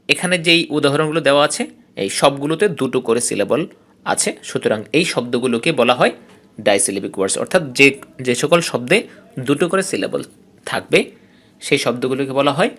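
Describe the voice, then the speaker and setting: A man with a Bangladeshi accent teaching English phonetics, reading definitions out slowly and explaining each part. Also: medium pitch, lively intonation, a bit bright. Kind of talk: slow classroom explanation.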